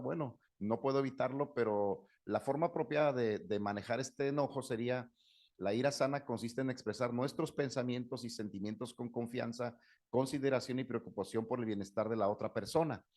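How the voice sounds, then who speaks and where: A man's voice: medium pitch, a little fast, darkish tone. Middle-aged man lecturing conversationally. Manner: conversational, acts out quoted dialogue, asks "¿no?" often. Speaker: psychologist giving a talk on anger. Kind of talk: lecture with anecdotes.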